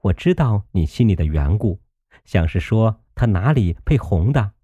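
Male reader voicing a soft-spoken, sharp-tongued young maid; low, mellow, animated. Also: moderate pace, husky, dry recording, muffled recording. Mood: gentle, teasing. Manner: coaxing, teasing, reproachful.

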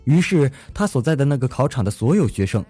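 Lively, smooth-paced male radio joke teller. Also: mid-range voice, fast talker, soft background music. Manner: animated storytelling, acts out punchlines. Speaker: radio show host. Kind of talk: lively comedic joke-telling radio narration.

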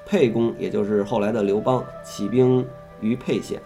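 Guy reading old history out loud, dark mellow voice, stops to ask stuff and comment, faint guitar underneath. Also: on the low side, fairly even intonation, normal speed. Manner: reads steadily, then breaks off to ask questions and comment. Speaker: reader and explainer of a classical history text. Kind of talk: reading a classical text aloud and chatting about it.

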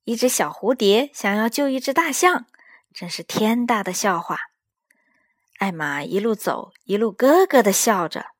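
A woman reading a children's story aloud in a slow, gentle storyteller manner. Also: mid-range voice, animated, dry recording, studio quality.

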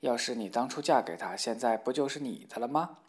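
A man's voice: mid-range voice, animated, brisk, natural voice. A man voicing a ragged wandering minstrel who speaks to his wife bluntly, in a storybook reading. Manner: plain, blunt.

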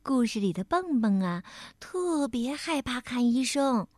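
A woman teacher narrating a bedtime story for children, gentle and speaking directly to the child listening. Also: on the high side, animated, measured pace, dry recording.

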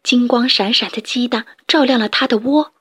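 A woman storyteller reading a children's story aloud in a gentle, expressive way. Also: on the high side, moderate pace, husky, no room sound, clean studio sound.

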